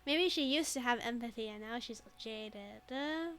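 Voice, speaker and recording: A woman's voice: a little high, moderate pace, fairly bright tone. A woman streaming a detective game, chatting playfully and laughing often. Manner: playful, giggly, reads game text aloud. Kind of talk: casual let's play commentary.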